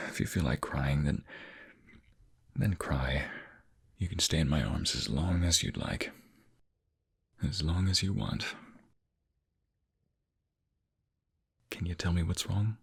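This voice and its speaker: Man as a very deep, breathy boyfriend in ASMR role-play. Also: unhurried, long pauses, full character voice. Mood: tender, soothing. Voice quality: low, breathy, gravelly. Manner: soft, gentle, soothing, intimate. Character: tender, reassuring boyfriend comforting his crying partner.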